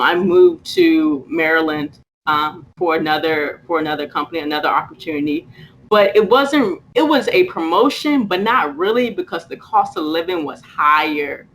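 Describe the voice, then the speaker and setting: A young woman from Virginia, telling a work story in a casual interview, laughing often and acting out quotes in a high voice. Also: fairly bright tone, slight background noise, low-quality recording. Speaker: guest.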